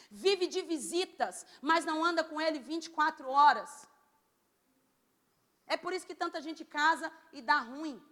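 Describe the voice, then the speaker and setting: Loud, expressive woman preaching. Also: high-pitched, in a large hall. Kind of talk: sermon. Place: church.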